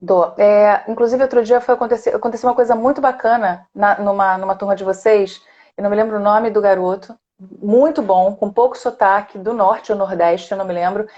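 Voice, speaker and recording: A woman speech therapist with a Rio de Janeiro Brazilian Portuguese accent explains voice technique in a live online chat, demonstrating sounds and often ending her points with "né?". Her medium-pitched voice is brisk and fairly even in intonation, with a darkish tone. The recording sounds muffled.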